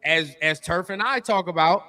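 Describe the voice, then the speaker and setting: High-voiced young man, bright slangy bro talk. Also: normal speed, faint music behind. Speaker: sports show panelist. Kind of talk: casual sports chat.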